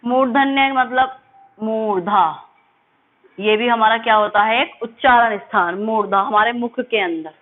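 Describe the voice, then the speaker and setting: Woman teacher, higher voice, slow sound drills, asks and answers her own questions; tinny audio. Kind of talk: classroom lesson.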